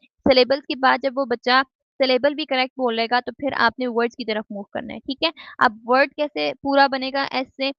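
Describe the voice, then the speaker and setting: Female lecturer, slightly high voice. Methodical, mixes in English terms. Dull, dry recording. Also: fairly even intonation, moderate pace, vocal fry, no echo. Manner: explains step by step, keeps asking "ठीक है?"; mixes English terms into Hindi-Urdu speech.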